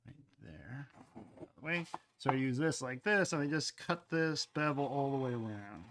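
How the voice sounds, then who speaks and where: Bright-voiced man demonstrating pottery. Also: mid-range voice, expressive, measured pace, a little hiss or hum. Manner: casual, chatty, with frequent fillers and asides. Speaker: ceramics teacher. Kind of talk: live-stream pottery demonstration. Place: pottery studio.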